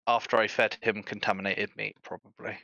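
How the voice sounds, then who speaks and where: A man's voice: fairly low pitch, level tone, fairly quick, creaky, pushed and bright, no echo, dull audio. A man playing a tabletop game, chiming in with short agreements and joking asides. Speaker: player. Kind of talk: casual tabletop play.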